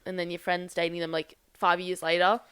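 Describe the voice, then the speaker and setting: A young adult woman with a blocked nose, co-hosting a casual podcast chat in an animated way. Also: on the low side, fairly quick, clear, resonant tone, dry recording. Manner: lively, animated, laughs easily. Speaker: podcast co-host.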